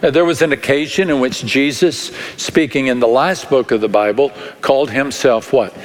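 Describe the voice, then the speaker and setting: A male pastor with a West Texas accent delivers a sermon in a big, echoing hall. He takes his time, speaking very slowly in short, deliberate phrases and leaving dramatic pauses between them. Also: mid-range voice. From West Texas, United States. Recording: long echoing reverb of a large hall.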